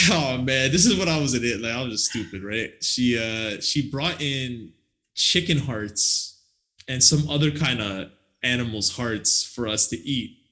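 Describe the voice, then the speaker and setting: A man's voice: mid-range voice, animated, a little slow, bright, forceful tone. A man, telling rambling stories in casual podcast chat, full of slang. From Canada. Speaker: podcast co-host.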